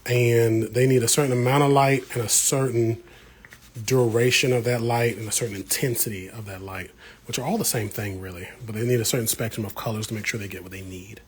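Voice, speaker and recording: Talking a little fast in a steady, mid-range voice, an American plant vlogger keeps up casual livestream chatter while working. His tone with viewers is folksy and full of slang. You can clearly hear background noise and room ambience.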